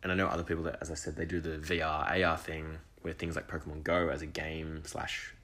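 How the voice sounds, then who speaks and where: A man's voice: a bass voice, little pitch movement, a little fast, sharp tone. A man hosting an education podcast alone, talking enthusiastically and rambling with restarts and asides. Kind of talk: solo podcast monologue.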